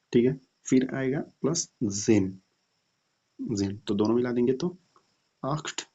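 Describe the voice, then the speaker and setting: A man in the middle of a lesson, patiently explaining and repeating words slowly for learners. He keeps checking in with his listeners as he goes. The recording sounds a little dull and lo-fi. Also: mid-range voice, dark tone, husky. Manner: repeats "ठीक है" often, slow drilled repetitions. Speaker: German language teacher.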